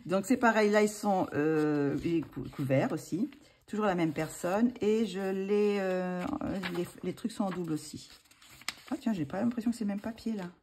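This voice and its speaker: A woman's voice: mid-range voice, normal speed, a little mellow, a little hiss or hum. A woman talking casually as a vlogger, hesitant and full of fillers as she thinks aloud. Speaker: vlogger showing coloring books. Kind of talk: casual chat.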